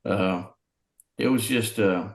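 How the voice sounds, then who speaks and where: A man who works as a city public works official, speaking in an interview over a remote conference call that keeps breaking up. He talks haltingly, with lots of fillers and restarts. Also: fairly low pitch. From Arkansas. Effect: remote conference call audio that breaks up. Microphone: video call. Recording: roomy sound over a breaking-up call line.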